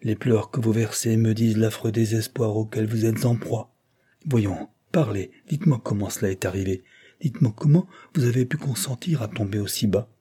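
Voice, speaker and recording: Man doing a stern old count scolding, audiobook style, low husky dark voice. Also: moderate pace. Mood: reproachful. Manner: stern, reproachful, lecturing. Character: stern older aristocratic male count, severe.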